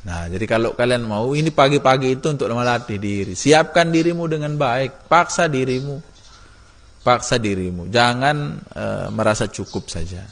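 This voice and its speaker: A male religious teacher leads a classroom lesson, exhorting and teasing his students. His voice sits at an ordinary mid pitch. It rings with the long reverb of a large hall. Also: expressive, normal speed.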